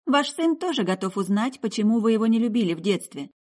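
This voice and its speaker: Audiobook figure: eager young female healer, high voice, rapid prying questions, read by a woman. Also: sing-song, darkish tone. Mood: coaxing.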